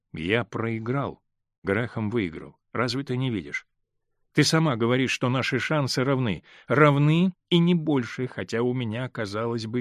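A male reader voicing a hurt, stern middle-aged husband in an audiobook, speaking in a measured, grave way that holds back pain. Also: medium pitch, dry recording, studio quality, lightly acted. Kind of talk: audiobook character reading.

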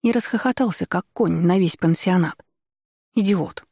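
A woman reading a novel aloud as an audiobook in the first person, telling it with lively expression. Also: fairly low pitch, brisk, no room sound, clean studio sound. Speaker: audiobook reader.

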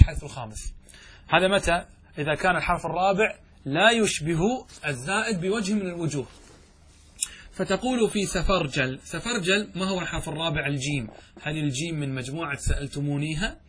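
Husky fast-talking man teaching grammar. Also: a little high, a bit bright. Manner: explains step by step, quizzes students with questions. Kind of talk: classroom lecture.

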